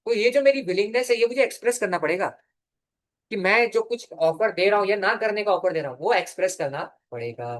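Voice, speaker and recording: A young man teaching law in a lecture. He dictates definitions word by word and asks questions that he answers himself. His delivery sounds like a relaxed classroom talk. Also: sits high, fast. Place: classroom or studio.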